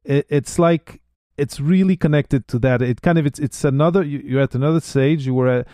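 A man's voice: fairly high pitch, brisk, warm tone, no room sound, studio quality. A man hosting a podcast interview, talking in a casual, hesitant way and often repeating words as he thinks. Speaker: podcast host.

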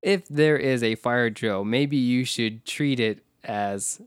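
A man co-hosting a casual podcast, animated, jumping into high mocking voices to quote people. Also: slow pace, clean tone, no room sound, studio quality. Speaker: podcast co-host.

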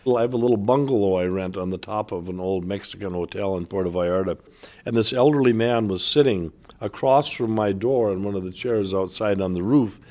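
Brief: Minnesota-accented actor, lowish voice, relaxed and amused storytelling. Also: male voice, fairly quick. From northern Minnesota. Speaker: actor, former theater director. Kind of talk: interview storytelling.

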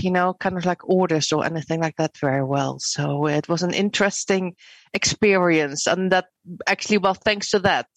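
Guest: fifties, chatty rambler, dry close sound. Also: female voice, deep voice, dry recording. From Netherlands. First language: Dutch. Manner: bubbly, rambling, many fillers. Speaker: photographer guest. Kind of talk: casual interview chat.

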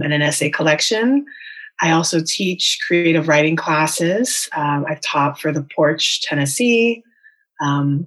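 A woman's voice: sits low, a bit bright. Candid woman writer in a casual interview. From Las Vegas and Miami, United States. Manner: thoughtful, many ums and likes, open and candid. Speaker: writer and writing teacher, podcast guest.

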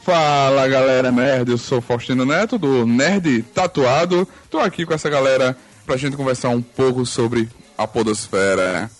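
A man's voice: medium pitch, normal speed, no room sound. A man with an Alagoas accent from northeastern Brazil, chatting casually as a podcaster. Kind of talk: casual chat.

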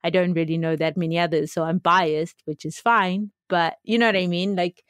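A woman's voice: lowish voice, fairly even intonation, normal speed, no echo, studio quality. A young woman with a South African accent co-hosting a podcast, chatting casually with plenty of fillers and laughter. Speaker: podcast co-host.

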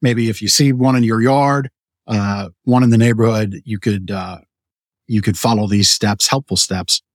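A man co-hosting a podcast, making relaxed, chatty announcements and asking questions. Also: lowish voice, normal speed, dry recording. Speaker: podcast co-host. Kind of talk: casual show chat.

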